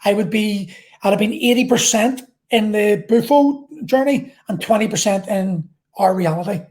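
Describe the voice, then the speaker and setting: A woman vlogger telling an intense personal story in a halting way, repeating phrases and swearing. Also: medium pitch, a little mellow.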